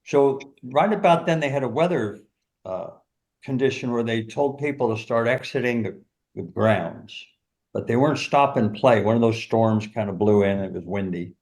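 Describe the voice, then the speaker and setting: An older man tells caddie stories as an interview guest, with an animated delivery. He chuckles often and fills his sentences with "you know.". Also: mid-range voice, normal speed. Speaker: golf teacher and former caddie, guest. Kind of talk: anecdotal storytelling in an interview.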